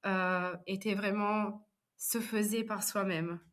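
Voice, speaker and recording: Soft-spoken woman, flat tone. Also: medium pitch, slow. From Italy. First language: Italian. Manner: hesitant, many fillers. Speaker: guest. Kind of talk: personal interview.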